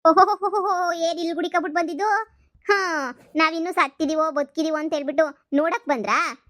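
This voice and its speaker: A woman's voice: high-pitched, level tone, fairly quick, dry recording, natural voice. A woman voicing a poor old village mother who gushes with thanks in a cartoon comedy. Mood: sarcastic. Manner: gushing, blessing, fussing over gifts. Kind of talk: cartoon voice acting.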